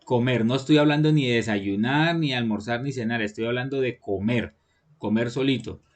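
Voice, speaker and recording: Man, patient teacher, online class, mid-pitched voice, keeps checking in. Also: moderate pace. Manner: patient, repeats "¿listo?" to check understanding.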